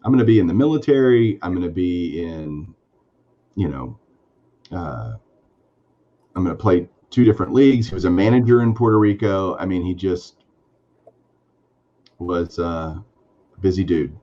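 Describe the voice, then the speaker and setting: In a muffled recording, a man with a low voice and lively intonation talks at normal speed, leaving long pauses. He's a sports card podcast co-host, casual and enthusiastic, rambling with many fillers.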